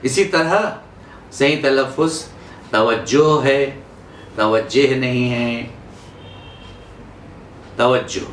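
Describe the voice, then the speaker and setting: Slow, deliberate male pronunciation teacher. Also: medium pitch, fairly bright tone, roomy sound, a little hiss or hum. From India. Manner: spells out words slowly, repeating them for emphasis. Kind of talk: slow explanatory lesson.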